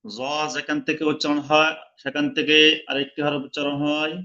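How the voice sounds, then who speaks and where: A male Quran recitation teacher with a Bangladeshi Bengali accent gives an online lesson on pronouncing letters, patiently and slowly repeating each sound and sometimes chanting it drawn out. His fairly high voice is pushed and bright with a completely flat delivery, and the recording is muffled.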